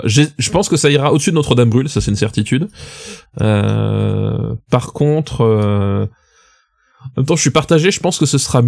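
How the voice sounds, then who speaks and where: A man's voice: mid-range voice, creaky, darkish tone. A man co-hosting a casual film-ranking chat, thinking aloud, hesitant and mildly blunt. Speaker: podcast co-host.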